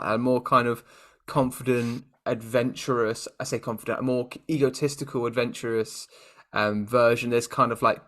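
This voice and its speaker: A young British man co-hosting a casual podcast, animated and jokey, often laughing. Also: medium pitch. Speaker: podcast co-host. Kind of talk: casual chat.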